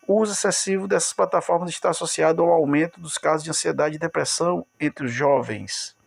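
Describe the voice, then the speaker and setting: Gravelly male teacher, lively lesson. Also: fairly high pitch. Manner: explains step by step, repeats key words, addresses students directly. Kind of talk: recorded video lesson.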